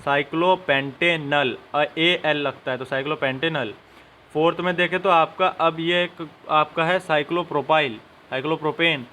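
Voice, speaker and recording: A man's voice: on the high side, moderate pace, bright, forceful tone, slight background noise. A young man teaching a chemistry lesson step by step and speaking directly to his students. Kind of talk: classroom-style lesson.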